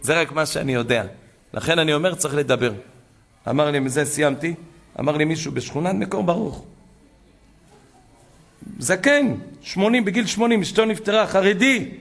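A man's voice: fairly high pitch, vocal fry, long pauses. A man giving a rabbi's sermon to a gathering, preaching with fervor and retelling conversations. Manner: fervent preaching that builds to loud exclamations. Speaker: rabbi giving a Torah talk.

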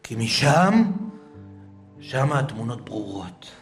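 A man preaching a sermon through a story, moving between hushed passages and raised, fervent ones. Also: medium pitch, very animated, faint music behind.

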